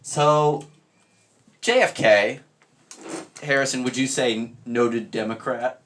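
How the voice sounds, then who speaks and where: A man's voice: medium pitch, slow pace, fairly bright tone, slight background noise. A young man hosts a college radio show from a campus studio. He talks casually and cracks jokes as he retells history. He slips into playful voices for the figures he quotes. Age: young adult. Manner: joking, acts out quoted figures. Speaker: college radio podcast host.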